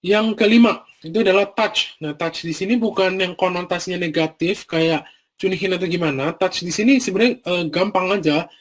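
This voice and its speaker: A young man with a Bandung Indonesian accent gives a casual training talk to a youth group. He explains things step by step, with many fillers. His voice sits a little high for a man. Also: fairly quick.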